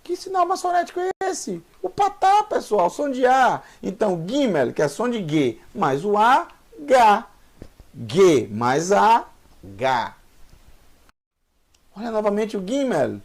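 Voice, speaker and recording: Slow, lively-pitched man teaching. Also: gravelly. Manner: patient, repeats sounds and drills letter by letter; encouraging, asks the viewer questions. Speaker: Hebrew teacher. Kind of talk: online language lesson.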